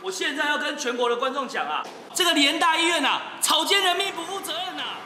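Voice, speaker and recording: An actress playing a brash, loud middle-aged woman who shouts at a crowd and cameras in a TV drama. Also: a little high, fast, reverberant, slight background noise. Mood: rowdy, shouting. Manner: shouting, theatrical, grabs attention.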